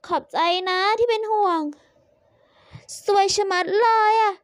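A woman voicing a lively, friendly young girl who talks in a chatty way. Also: very high voice, unhurried, no echo, pitched above the performer's own voice.

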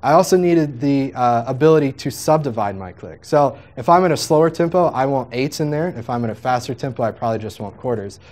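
Upbeat man teaching a software workshop. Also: mid-range voice, fairly quick, few pauses. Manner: upbeat, jokey, chatty teaching with quoted asides. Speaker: music software trainer. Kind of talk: live workshop demonstration.

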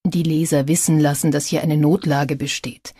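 A woman reading an audiobook, voicing a scheming man who poses as a polite reporter with an oily, drawn-out manner. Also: low-pitched, level tone, mellow, breathy edge, no room sound.

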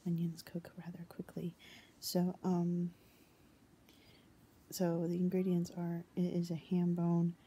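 A young woman chatting casually to camera in a hushed, near-whispering voice kept low, halting as she goes. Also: completely flat delivery, breathy edge. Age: young adult. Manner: hesitant, halting. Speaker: home cooking vlogger. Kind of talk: quiet casual chat to camera. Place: indoors in a home living room. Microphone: phone held at arm's length.

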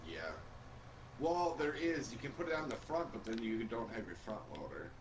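A man's voice: mid-range voice, big pitch swings, normal speed. A man co-hosting a farming game let's play in easygoing casual chat, chuckling and explaining how the game works. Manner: laid-back, chuckling, explains game mechanics. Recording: roomy mic with background hiss.

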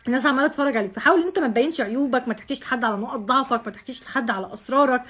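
A woman's voice: sits high, very fast, a bit bright, breathy edge. A woman with an Egyptian accent, an astrologer giving a casual monthly horoscope reading, talking straight to the viewer, repeating herself and dropping English phrases. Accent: Egyptian Arabic. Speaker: astrologer host.

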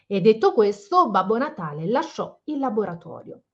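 A woman reading a children's picture book aloud and gently explaining the story to children. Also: medium pitch, sing-song, normal speed. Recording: slightly dull lo-fi sound.

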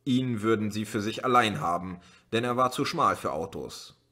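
A man narrates a novel as an audiobook in a steady, even delivery. His voice sits on the low side but carries a bright, forceful edge. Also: moderate pace. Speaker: audiobook reader.

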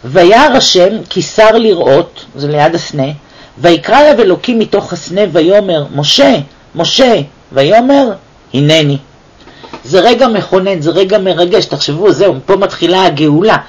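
A man giving a weekly Torah portion lesson, talking in a lively way and firing off rhetorical questions. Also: high voice, breathy edge. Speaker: Torah teacher. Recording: dull lo-fi recording.

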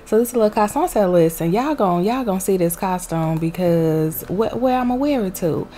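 Peppy and chatty, this young vlogger drops Southern US slang while narrating her video into a desk microphone at home. Her voice is medium in pitch, dark in tone, and animated at a normal speed, and a loud heater runs nearby.

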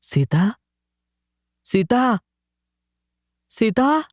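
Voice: mid-range voice, slow pace, a little mellow, no echo, clean studio sound, voice pushed up. Narrator voicing a feverish dying laborer. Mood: desperate calling. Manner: desperate broken calling out. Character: feverish dying male laborer pleading for his wife.

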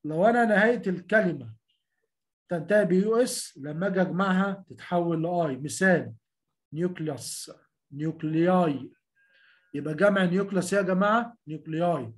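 A man's voice: high-pitched, brisk. A man with an Egyptian Arabic accent giving a lecture on medical terminology, drilling pronunciation syllable by syllable and often calling out to his class. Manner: repetitive, addresses students as a group, drills pronunciation syllable by syllable. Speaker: university lecturer.

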